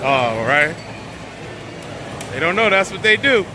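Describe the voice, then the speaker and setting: Filming a family outing on her handheld phone from behind the camera, a woman vlogger chats casually and excitedly cheers on the kids. Her voice is fairly low and slow. The phone audio is noisy, catching crowd chatter and ride noise in a large, busy indoor shopping mall.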